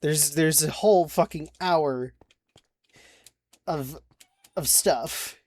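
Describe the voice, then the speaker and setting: A man's voice: fairly high pitch, slow, darkish tone, dry recording. A young man narrating his video game, rambling and frustrated, swearing and restarting his sentences. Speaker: let's-play creator. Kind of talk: game commentary. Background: faint keyboard clicks.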